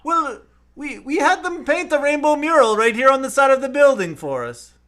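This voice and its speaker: A man's voice: very high-pitched, lively intonation, normal speed, fairly bright tone, pitched above the performer's own voice. A man voicing a jolly male leprechaun in an exaggerated put-on Irish accent, hearty and bold.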